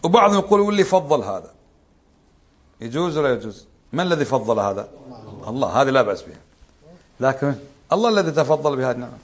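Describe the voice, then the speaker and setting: Fast-talking man teaching a religious lesson. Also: medium pitch. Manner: conversational, quizzes listeners with rhetorical questions. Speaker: Islamic scholar teaching a book.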